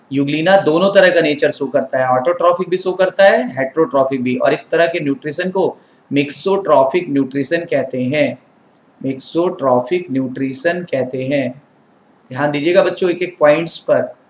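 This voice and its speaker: An Indian man teaches a biology lecture, asking his class questions and answering them himself. His voice sits a little high for a man, and the room gives it a noticeable echo. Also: a little hiss or hum.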